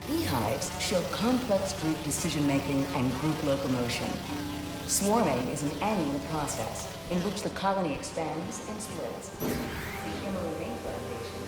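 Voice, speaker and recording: A woman voicing a calm lobby announcer, giving soft, even public address announcements and exhibit narration in a video game. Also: sits low, normal speed. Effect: public address loudspeaker announcement. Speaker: building announcer. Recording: echoey hall over loud music.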